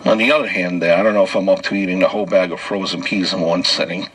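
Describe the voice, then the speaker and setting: A man's voice: low voice, steady tone, quick pace, a bit bright, breathy edge, poor audio. A man hosting his own podcast and telling wry, off-the-cuff jokes alone, chuckling between the bits. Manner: loose and off-the-cuff, with restarts. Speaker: podcast host. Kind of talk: solo comedic podcast monologue.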